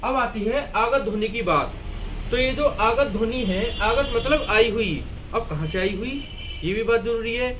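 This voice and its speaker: A man's voice: very high-pitched, measured pace, noisy background. A man teaching a Hindi grammar lesson at a board. He asks and answers his own questions and repeats key words. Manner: writes and erases on a board while explaining.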